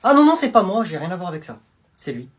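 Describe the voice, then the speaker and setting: A performer voicing an insolent teenage schoolboy who talks back in street slang with a husky, low mumble in a comedy sketch. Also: very animated, fast. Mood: indignant.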